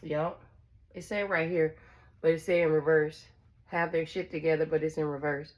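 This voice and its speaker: A woman's voice: low voice, steady tone, moderate pace. A woman giving a casual tarot reading to her viewers. She is blunt, swears freely, repeats herself, and checks in with "okay?". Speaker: tarot reader.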